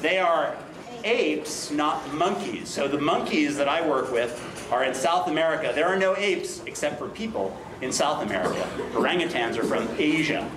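A middle-aged man with a fairly high voice speaks at an ordinary pace, enthusiastically teaching science to children and answering questions, with Spanish phrases slipped in. He moves about gesturing in a large school cafeteria full of kids, on a wireless headset or lapel mic. Captured from afar in a roomy hall, the clip has noisy children behind him.

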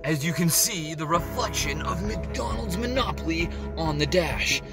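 A man's voice: a little high, measured pace, loud music behind the voice. A man in his thirties giving a casual food review on a phone inside a car. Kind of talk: casual vlog chat. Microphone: phone at arm's length.

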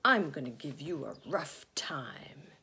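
A woman's voice: low-pitched, animated, takes it slowly, gravelly, sharp tone, slight background noise, exaggerated voice. A woman voicing a big, rude male rhinoceros in a storybook who growls and laughs at others. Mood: growling. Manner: growling, then laughing helplessly.

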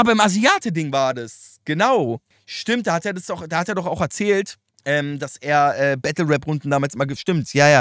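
A man's voice: a little high, dry recording, studio quality. A man giving loose, slangy reaction commentary, chatting and laughing often. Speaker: streamer reacting to rap videos.

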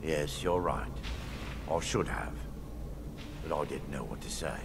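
An actor playing a grave, remorseful priest in a video game, speaking in a solemn, formal, measured way. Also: male voice, extremely low pitch, animated, vocal fry, background noise, exaggerated voice. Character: grave, remorseful male priest guiding an adventurer. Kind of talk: video game character dialogue.

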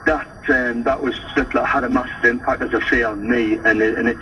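A man talking as a guest on a radio interview, halting and restarting often. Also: medium pitch, steady tone. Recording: distant muffled noisy radio broadcast.

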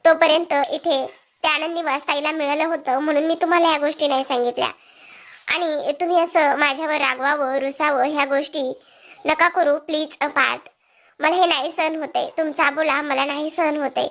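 A woman's voice: high voice, fairly even intonation, moderate pace, a bit bright. A woman voicing a young wife who pleads and apologizes to her husband. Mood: pleading.

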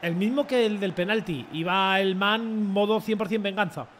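A young man with a Spain Spanish accent, commenting his own football video game in an excitable, mocking way and swearing often. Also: sits high, normal speed, a little hiss or hum. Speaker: gaming content creator. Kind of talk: casual gameplay commentary.

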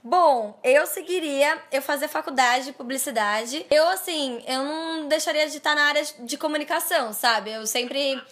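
A young woman with a Brazilian accent, chatting excitedly with fans on the phone in a bubbly, gushing way. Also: sits high, normal speed, few pauses. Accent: Brazilian Portuguese. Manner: bubbly, gushing, squeals and laughs. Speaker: youtuber calling fans. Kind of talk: excited casual phone chat.

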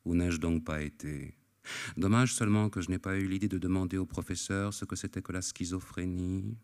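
An actor reading aloud, voicing a calm, sly foreign professor who speaks slowly and teasingly. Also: male voice, low-pitched, smooth. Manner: measured, teasing, slow deliberate delivery.

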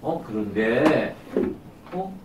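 A woman's voice: a bass voice, very animated, extremely slow, noisy background. A woman puppeteer narrating a live puppet show and asking the preschool audience questions in a teacherly way. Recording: roomy, distant live room recording.

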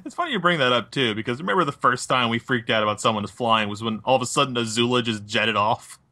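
A man's voice: mid-range voice, fast, bright, forceful tone, dry recording. A young man co-hosting a podcast, making wry jokes in casual chat about a cartoon. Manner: wry and joking. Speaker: podcast co-host.

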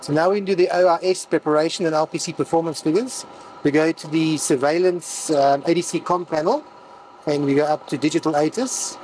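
A man's voice: fairly high pitch, a little mellow, a little hiss or hum, poor audio. A man walking through a cockpit setup as a pilot instructor, reading out each setting step by step in a cockpit. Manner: methodical, reads out settings step by step. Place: aircraft cockpit.

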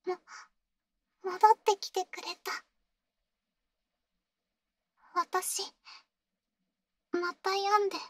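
In an ASMR role-play audio drama, a clingy, insecure young girlfriend comes across as sweet yet eerily obsessive, fragile and apologetic. Her extremely high, girlish voice pleads slowly and haltingly, with flat delivery. The sound is close and dry, with no room sound.

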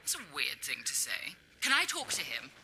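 A woman's voice: rumbling low, wildly swooping pitch, moderate pace, heavily acted. An actress playing a scornful space queen in a cartoon game, imperious and sarcastic, on a noisy soundtrack. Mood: suspicious. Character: haughty, exasperated villainous space queen, scornful adult woman. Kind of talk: animated game cutscene acting. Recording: clearly noisy soundtrack behind the voice.

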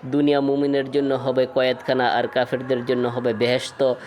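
A man's voice: medium pitch, completely flat delivery, normal speed, a little mellow, slight background noise. A man presenting a vlog, guiding viewers around a shrine and explaining what they see. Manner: addresses viewers directly, explanatory. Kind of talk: guided tour narration.

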